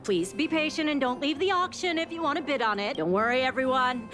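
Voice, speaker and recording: A brisk auctioneer calls out lots and bids in a game, her formal voice sitting a little high and moving lively. Music plays under her lines. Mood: reassuring. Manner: formal announcing. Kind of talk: video game voice acting.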